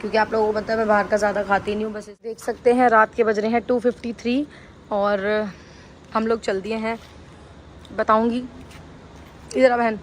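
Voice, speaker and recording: A woman's voice: on the high side, normal speed, long pauses. A young woman filming a casual family vlog at home, chatting straight to her viewers as she goes. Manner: chatty, lively, addresses viewers directly. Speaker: family vlogger. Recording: noisy phone recording at home.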